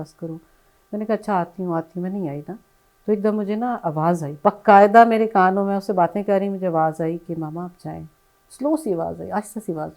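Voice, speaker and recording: A middle-aged woman with a low-pitched voice speaks as an interview guest. Her tone is mellow and warm rather than bright. She talks softly and reflectively, often sinking to a near-hush and mixing English phrases into her sentences. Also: poor audio. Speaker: bereaved mother, interview guest.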